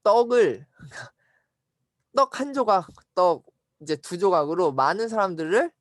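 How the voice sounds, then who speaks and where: A woman's voice: on the low side, unhurried, no room sound, studio quality. Woman preacher telling a bible story, voice jumps all over, asks the listeners lots of questions. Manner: animated, expressive, addresses the listeners with questions. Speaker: preacher at an education department worship service. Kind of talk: storytelling sermon.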